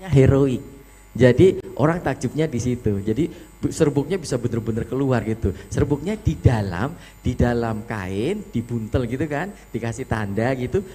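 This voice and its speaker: A man judging a children's storytelling contest, giving animated, affectionate feedback and acting out lines to show how they should sound. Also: medium pitch, moderate pace, slightly rough. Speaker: competition judge. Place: school storytelling competition venue.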